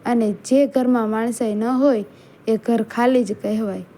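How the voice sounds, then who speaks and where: A woman's voice: fairly high pitch, fairly even intonation, measured pace, mellow. A woman narrating a scripted story in a solemn, emotional way.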